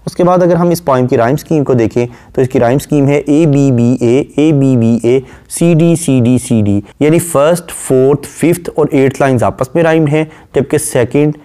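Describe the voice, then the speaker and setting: A man lecturing on poetry in a Urdu-inflected Hindustani accent, at a mid-range pitch. He reads each quoted line slowly, then paraphrases it. In the drill passages he runs quickly through list after list. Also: warm tone. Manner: rapid listing during rhyme scheme drills. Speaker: literature lecturer.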